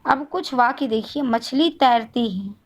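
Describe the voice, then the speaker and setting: Female teacher, slightly high voice, patient step-by-step grammar explanation, rhetorical questions, frequent check-ins. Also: a little slow. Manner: explains step by step, asks and answers her own questions; often says "thik hai" to check understanding. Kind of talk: Hindi grammar lesson.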